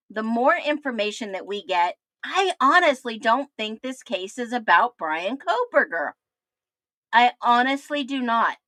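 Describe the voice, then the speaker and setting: Emphatic bright-voiced woman in her fifties. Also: a little high, no echo. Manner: emphatic, repetitive, chatty asides. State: thirsty, getting over the flu. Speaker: true-crime commentator. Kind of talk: casual livestream commentary.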